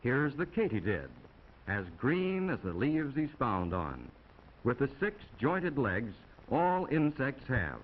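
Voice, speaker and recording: Delivering scripted narration like a 1950s classroom film, an American man explains things to young viewers in a folksy, chatty way, his mid-pitched voice swinging widely in pitch at a slow pace. The old optical soundtrack from 1950 is dull and muffled, with faint noise beneath.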